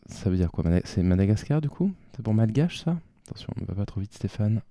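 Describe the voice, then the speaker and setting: A man's voice: lowish voice, sing-song, a little fast, warm tone, no echo. A man commenting on his own play of a geography game, thinking aloud and talking to himself.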